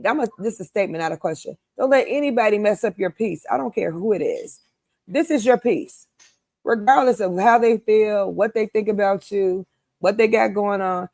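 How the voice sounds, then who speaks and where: A woman in her fifties hosting a casual group chat, emphatic and quick to laugh. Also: medium pitch, no echo, studio quality. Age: 50s. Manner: animated, emphatic, laughs easily. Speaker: host.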